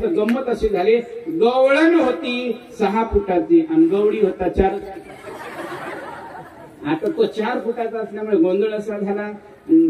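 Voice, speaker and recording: A man with a high voice tells a devotional story as a sermon, animated and playful, and teases his listeners. He is heard from some way off the mic in a roomy hall. The sound is muffled. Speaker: kirtan preacher. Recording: distant, roomy and dull.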